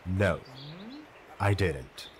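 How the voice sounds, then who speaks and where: A man voicing an aloof male detective who speaks in a low, terse and flat way. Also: drawn-out words, a little hiss or hum.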